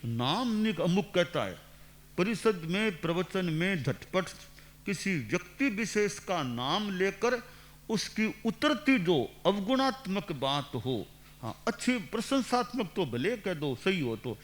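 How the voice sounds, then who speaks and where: Man in his sixties, monk, unhurried sermon, raised pitch, repeats phrases. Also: very animated. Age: 60s. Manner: measured and didactic, repeats phrases for emphasis. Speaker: monk giving a discourse. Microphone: speaking into a microphone.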